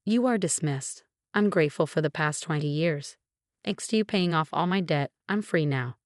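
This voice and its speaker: A woman's voice: sits low, animated, normal speed, dry recording, studio quality. Woman reading as a smug, scheming husband. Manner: smug, mocking, then yelling in panic. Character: smug scheming middle-aged husband, man in his fifties. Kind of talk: storybook narration.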